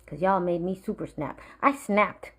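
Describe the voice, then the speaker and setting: A young woman from the Marshall Islands, ranting straight to camera in a profane, threatening way that sometimes sinks to a low, menacing murmur. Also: normal speed, fairly bright tone. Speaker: vlogger. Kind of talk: angry direct-to-camera rant.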